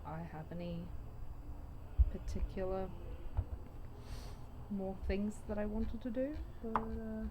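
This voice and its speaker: A woman's voice: medium pitch, steady tone, slow pace, pauses often, noisy background. A woman playing a tabletop role-playing game, with dry, understated remarks. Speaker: player. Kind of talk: casual tabletop game chat.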